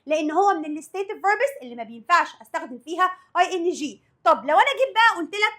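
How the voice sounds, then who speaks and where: A woman with an Egyptian Arabic accent teaches English grammar in a high voice. She works through exam questions one at a time, asking the students and answering for them. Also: expressive, racing, a bit bright. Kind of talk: exam review lesson.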